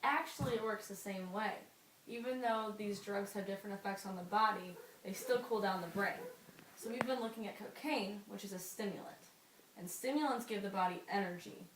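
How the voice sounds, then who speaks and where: A woman's voice: mid-range voice, fairly quick, long pauses, noisy background. Young woman patiently explaining brain scans. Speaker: explainer in a school video skit. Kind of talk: scripted educational skit.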